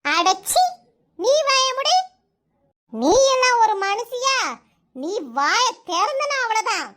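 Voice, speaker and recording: A dramatic old village mother-in-law with a piercing, very high voice, as a woman acts her out in a cartoon. She scolds loudly and wails with self-pity, in a Kanyakumari Tamil accent. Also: steady tone, a little slow. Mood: angry. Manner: loud, wailing and self-pitying. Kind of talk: cartoon voice acting.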